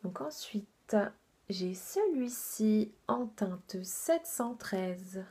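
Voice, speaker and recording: A woman's voice: medium pitch, lively intonation, extremely slow, warm tone, slightly rough. A woman reviewing her makeup haul in a chatty, enthusiastic way, with many fillers and asides that drop to a half-whisper. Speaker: beauty vlogger.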